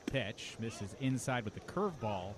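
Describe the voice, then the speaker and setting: A man does live radio play-by-play for a baseball game, describing the action in detail. His mid-range voice is animated and unhurried. Clear outdoor ballpark ambience can be heard behind him.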